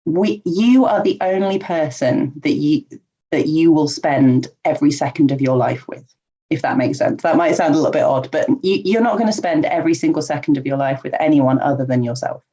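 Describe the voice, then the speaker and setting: This podcast guest, a life coach, talks briskly in a low, mellow voice. She answers earnestly and chattily, with ums and light laughs, over dull, lo-fi remote audio.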